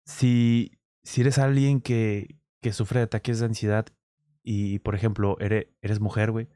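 A man's voice: on the low side, unhurried, dry recording. Man, Mexican accent, streamer reacting to a clip, swears a lot, dry close sound. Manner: crude slang, swearing, animated demonstrations. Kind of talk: casual reaction commentary.

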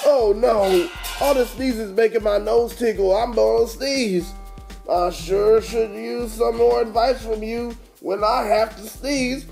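A dad voicing a fretful storybook troll. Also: male voice, high voice, steady tone, takes it slowly, creaky, darkish tone, soft background music, heavily acted. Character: fretful male troll, polite and eager.

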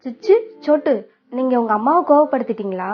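A woman voicing a kind, motherly sparrow auntie in a cartoon, softly coaxing. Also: high-pitched, expressive, brisk. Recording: dull lo-fi with faint music.

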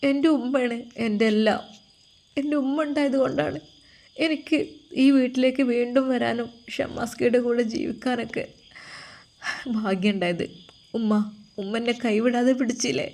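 A woman's voice: a little high, normal speed, long pauses, darkish tone, close to an everyday voice. A woman voicing a devoted young daughter-in-law, speaking in a pleading, emotional way. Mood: tearful, pleading.

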